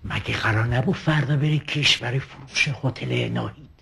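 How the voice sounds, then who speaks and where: An actor playing a pushy male psychiatrist who keeps pressing his patient with insistent, coaxing questions, in a raspy voice. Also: medium pitch, bright, forceful tone, a little hiss or hum. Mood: probing.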